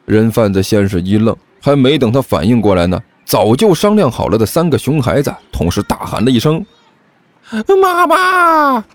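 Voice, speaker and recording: A man narrating a comic story with a lively, expressive reading. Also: fairly low pitch, fairly quick, hardly any pauses, dry recording.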